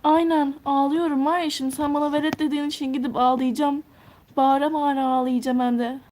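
High-voiced teen girl streamer. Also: level tone, brisk, slight background noise. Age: teens. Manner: chatty, answers viewer comments one by one; thinks out loud while touring a game house. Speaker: live streamer. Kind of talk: casual live-stream chat reading comments.

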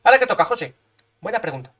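A man's voice: sits high, rapid-fire. Rowdy, foul-mouthed man. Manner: swears a lot, chants and shouts at the game; swings from quiet muttering to loud excited yelling. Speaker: streamer. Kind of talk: live gameplay commentary.

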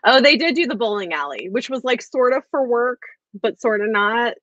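Her voice sits on the high side with lively intonation and a moderate pace, a bit bright, with no room sound. She's a book club livestream host in her thirties, chatting casually about a book on a video call from home and thinking aloud hesitantly and ramblingly. The video-call audio comes across slightly dull.

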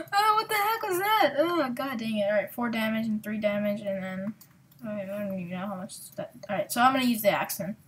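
On the high side and at a normal speed, the woman behind the gaming channel keeps up her excitable let's-play talk, rambling and mocking herself into a desktop microphone.

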